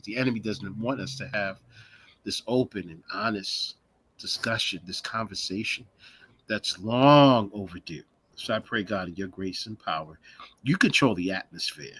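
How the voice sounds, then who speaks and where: A man's voice: lowish voice, sharp tone, a little hiss or hum. A man in his sixties, a panel guest, jovial and laughing in chat and solemn when he leads a prayer. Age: 60s.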